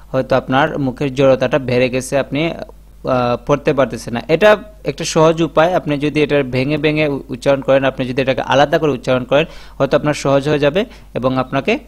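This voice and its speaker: A man's voice: mid-range voice, steady tone, moderate pace. A man teaching an online English lesson, breaking long words into syllables and sounding them out. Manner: spells words out syllable by syllable, mixing in English phrases. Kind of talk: spoken language lesson.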